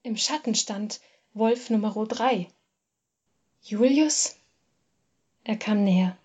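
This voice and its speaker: A woman narrating a first-person literary story in a measured, expressive reading. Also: medium pitch, husky.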